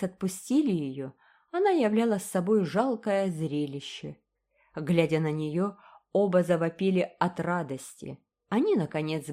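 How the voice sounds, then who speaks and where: A woman narrating a storybook in a lively, expressive reading voice. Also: fairly low pitch. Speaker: audiobook reader.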